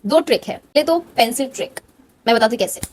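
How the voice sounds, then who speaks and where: Fast and fairly high-pitched, this young woman's voice has lively intonation, with slight background noise in the clip. As an interview coach for cabin crew hopefuls, she shares casual pointers directly and encouragingly, addressing the viewer in an informal way.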